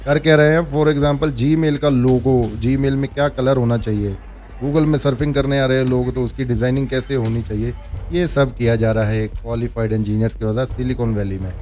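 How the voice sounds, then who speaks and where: A man's voice: medium pitch, steady tone, moderate pace, a little mellow, faint music behind. A man hosting a casual commentary, who often chuckles, asks rhetorical questions and mixes English phrases into his talk. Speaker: host.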